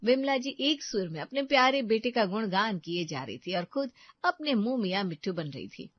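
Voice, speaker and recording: A woman narrating an animated story in a scripted, engaging way, often turning to address the audience. Her voice is mid-pitched, and the recording is dry and a bit dull. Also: moderate pace, dry recording. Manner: warm, engaging, addresses listeners. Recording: dry, slightly dull lo-fi audio.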